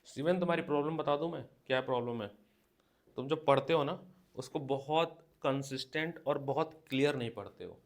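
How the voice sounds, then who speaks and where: Male physics teacher, slow repeated dictation, direct coaching, classroom lecture. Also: medium pitch.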